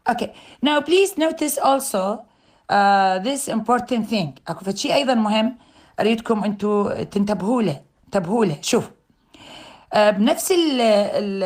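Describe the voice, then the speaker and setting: A middle-aged woman with an Iraqi Arabic accent lecturing on grammar. She says English terms and example sentences slowly with a rising tone and explains in fast colloquial Arabic. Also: mid-range voice, a little mellow. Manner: switches between slow careful English and fast colloquial Arabic.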